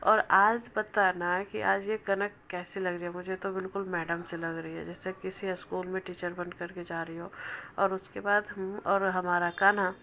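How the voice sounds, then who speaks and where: A woman in her thirties with a Bihari Hindi accent talks through a family vlog voice-over. She keeps her voice low and unhurried, with very little rise and fall. A faint hiss sits under the recording. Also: little pitch movement. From Bihar, India. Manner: speaks quietly and slowly because her child sleeps beside her. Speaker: family vlogger. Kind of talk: soft voice-over narration of a daily vlog. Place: indoors at home, child asleep nearby.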